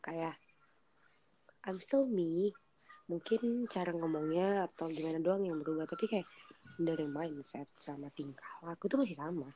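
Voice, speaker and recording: Valley-girl young woman, mellow and low-pitched. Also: moderate pace, long pauses. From Medan, Indonesia. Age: young adult. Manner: valley-girl talk, mixing English "like, literally" into slang. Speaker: podcast guest. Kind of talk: casual chat. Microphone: online call. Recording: noisy online call, clicks.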